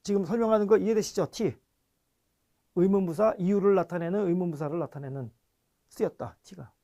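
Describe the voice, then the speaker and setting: High-voiced man teaching grammar. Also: warm tone. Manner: explanatory, often checks understanding with questions; reads foreign words slowly and deliberately. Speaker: language teacher. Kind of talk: online grammar lecture.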